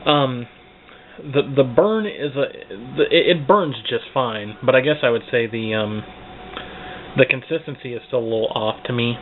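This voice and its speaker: A man's voice: mid-range voice, moderate pace. A man giving a casual spoken product review, hesitant and searching for words as he goes. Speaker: pipe tobacco reviewer. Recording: tinny, phone-like band, clearly noisy.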